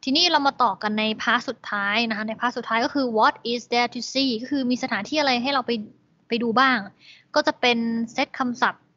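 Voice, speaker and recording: A woman's voice: a little high, fairly quick, sharp tone. Woman english teacher, patient + polite, kinda muffled lo-fi audio. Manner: explains English words, polite particles. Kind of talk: slow classroom explanation. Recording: dull lo-fi recording.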